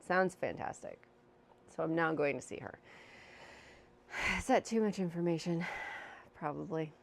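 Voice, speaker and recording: A woman's voice: sits low, moderate pace, creaky. A woman telling a personal story in a casual, candid vlog, speaking into a microphone with a windscreen at home. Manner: chatty, candid, self-deprecating. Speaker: vlogger. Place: home room with a fan running. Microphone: new microphone with windscreen.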